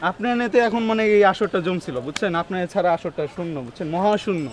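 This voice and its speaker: A man's voice: high voice, quick pace, lightly acted. A man playing a sarcastic young man who taunts a friend.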